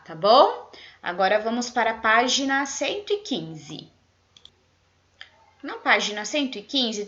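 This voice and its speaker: A woman primary school teacher with a Brazilian Portuguese accent, giving a video lesson to young children and stretching out syllables in a slow, sing-song way. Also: fairly high pitch, sharp tone, highs cut off.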